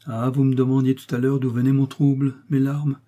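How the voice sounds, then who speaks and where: A man's voice: medium pitch, little pitch movement, fairly quick, dark tone, close to an everyday voice. A man voicing a nervous aging woman servant who trembles and sobs as she pleads. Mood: tearful confession. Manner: trembling, sobbing pleas.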